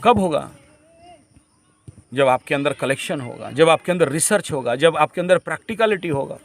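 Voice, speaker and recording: A man with a high voice lectures a camp group. He preaches in a repetitive way and drops English phrases into his teaching. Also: expressive, moderate pace.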